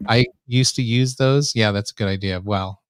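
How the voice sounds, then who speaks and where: Male chat host, somewhat low and nasal, informal delivery, close dry mic. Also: moderate pace, clean tone, no room sound. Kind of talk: casual live chat. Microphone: microphone right up close.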